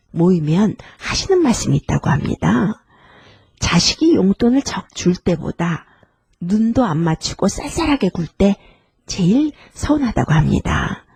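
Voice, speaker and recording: A middle-aged woman hosts a literary podcast and talks gently and earnestly about an essay. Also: no room sound. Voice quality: breathy, husky, with some vocal fry. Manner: gentle, earnest, lets the pitch rise and fall widely. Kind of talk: reflective talk on an essay.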